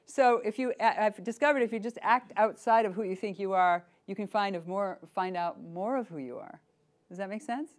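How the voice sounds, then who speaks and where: A middle-aged woman leading a voice workshop, playful and lively, demonstrating sounds and asking her group questions. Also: mid-range voice, normal speed. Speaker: voice workshop teacher. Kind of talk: workshop teaching.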